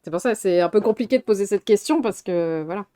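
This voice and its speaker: A woman's voice: medium pitch, fast, dark tone. A woman streamer chatting casually about films on a live stream, rambling, swearing and laughing often. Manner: chatty, rambling with restarts, reacting to chat.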